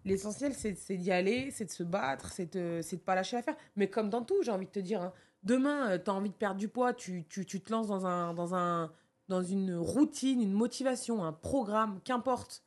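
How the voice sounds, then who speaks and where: A woman in casual conversation, animated and slangy, with many fillers and restarts. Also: medium pitch, moderate pace. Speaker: podcast co-host.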